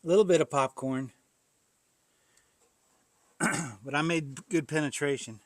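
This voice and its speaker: A man's voice: a little high, unhurried, dry recording. A man, a pastor who welds, chatting casually and rambling in his workshop, sighing and coughing between thoughts. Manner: rambling, folksy, frequent sighs and coughs. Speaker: pastor and welder, channel host. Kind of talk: casual shop vlog.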